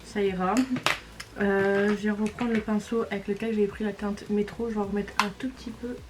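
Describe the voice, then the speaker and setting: A woman's voice: mid-range voice, little pitch movement, normal speed, background noise. A woman, casually talking through each step of a makeup tutorial. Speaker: beauty vlogger.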